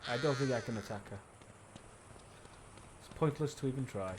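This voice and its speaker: A man's voice: medium pitch, normal speed, noisy background. A man giving casual, reactive live commentary on a game he is playing, swearing freely. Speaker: game streamer.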